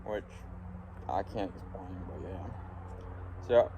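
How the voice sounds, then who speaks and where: A young man from Alabama talking in a casual, halting, reflective ramble while smoking a pipe, often trailing off. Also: low-pitched, expressive. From Alabama, United States. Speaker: vlogger talking to viewers. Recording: windy, clear background noise. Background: wind.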